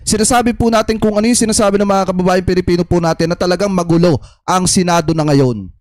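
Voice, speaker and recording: A man with a Filipino accent speaks in a notably high voice, talking straight to his viewers as a political commentator. His delivery is chatty and repetitive. The recording is dry and close, with no room sound. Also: fast, a little mellow, no echo. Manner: addresses audience as "mga kababayan", chatty, repetitive.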